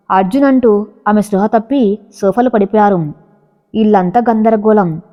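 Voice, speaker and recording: A woman reading a dramatic romance story aloud in a steady storytelling manner. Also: medium pitch. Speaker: narrator. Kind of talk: scripted story narration. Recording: reverberant, slightly dull audio.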